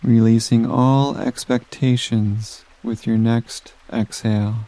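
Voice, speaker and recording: Slow, soothing man guiding sleep. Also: mid-range voice, flat delivery. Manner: slow, soft and soothing with long pauses. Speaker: meditation guide. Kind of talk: guided sleep meditation.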